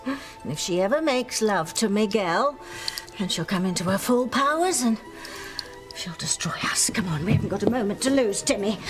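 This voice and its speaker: A woman's voice: on the high side, lightly acted. Woman playing a scheming, theatrical old witch over music. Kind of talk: daytime soap opera acting. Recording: music under the dialogue.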